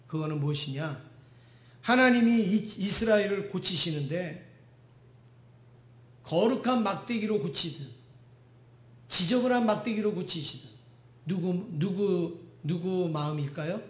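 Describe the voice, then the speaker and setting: A middle-aged male pastor delivers a sermon in a lively, conversational way. He often asks the congregation questions and acts out the voices he quotes. His voice sits on the high side, and it echoes around a roomy church sanctuary.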